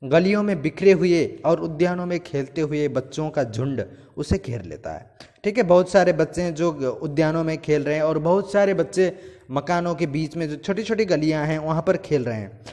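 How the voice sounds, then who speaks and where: Guy teaching a lesson, kinda high voice, explains every word, long echo like a big hall. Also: animated, moderate pace, mellow. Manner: explains step by step, glossing hard words, often checks in with "all right". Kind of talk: explaining a textbook story to students.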